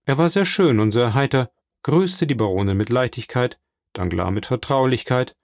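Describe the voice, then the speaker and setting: A man narrating a classic novel as an audiobook reader, steady and unhurried. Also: medium pitch, no echo, studio quality. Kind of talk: scripted narration.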